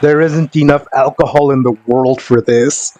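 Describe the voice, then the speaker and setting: A man's voice: mid-range voice, fairly even intonation, moderate pace, dark tone, muffled recording. A man giving casual commentary as a game streamer, with a sardonic, exasperated manner and free swearing. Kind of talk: casual commentary over gameplay.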